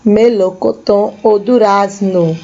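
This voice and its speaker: Slow, mellow-voiced Brazilian teacher. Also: female voice, mid-range voice, steady tone, lo-fi sound. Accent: Brazilian Portuguese. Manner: slow, patient, repeats each word for young learners. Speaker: school teacher. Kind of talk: recorded classroom lesson for children.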